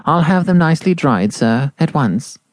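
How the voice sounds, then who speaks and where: A man voicing a brisk, no-nonsense middle-aged landlady who talks in a firm, fussy way. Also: fairly high pitch, expressive, dry recording, studio quality, voice pushed up, lightly acted.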